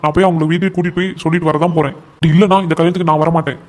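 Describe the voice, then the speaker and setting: A man's voice: a little high, little pitch movement, very fast, darkish tone, natural voice. A man voicing a young husband in a cartoon who earnestly pleads with his mother and firmly defends his wife. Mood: pleading. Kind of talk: cartoon voice acting.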